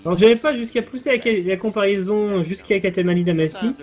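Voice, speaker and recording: A man with a notably high voice explains a speedrun in measured live commentary. He pauses often with fillers as he builds his explanations. Faint game music sits under his voice. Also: a little mellow.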